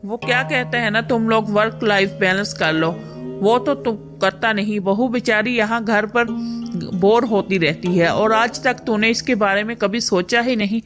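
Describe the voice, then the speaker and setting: A kindly, talkative middle-aged mother-in-law from a cartoon story, voiced by a woman, fussing over her family with warm scolding. Her voice sits a little high, with faint music playing underneath. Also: natural voice. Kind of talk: animated story dubbing.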